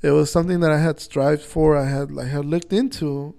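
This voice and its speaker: A man's voice: on the high side, steady tone, a little fast, vocal fry, mellow. A man, a truck driver and podcast guest, telling a casual story, swearing freely and acting out what people said. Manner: swears freely and acts out quoted dialogue.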